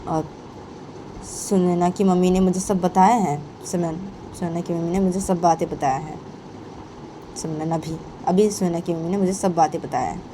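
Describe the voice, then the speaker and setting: A woman voicing a stern middle-aged mother who scolds in a low voice and keeps repeating her daughter's name. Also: fairly even intonation, normal speed, noisy background, close to an everyday voice. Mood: scolding.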